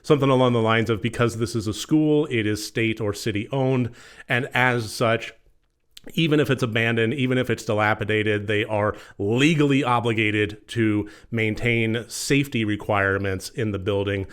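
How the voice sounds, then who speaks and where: A man giving a casual, conversational film review in long, rambling, measured sentences. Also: on the low side, fairly even intonation, clear, resonant tone.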